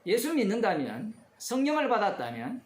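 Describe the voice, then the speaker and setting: Lively Korean pastor preaching in an echoey room. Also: male voice, sits high, normal speed. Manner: conversational, asks the congregation questions, chuckles. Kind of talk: expository sermon. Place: church.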